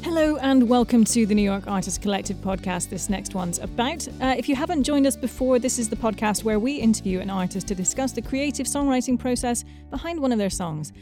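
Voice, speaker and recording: A woman's voice: fairly high pitch, fairly quick, few pauses, dark tone, faint music behind. A Scottish woman hosting a podcast interview, chatty and given to playful asides. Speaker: podcast host. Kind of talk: casual interview chat.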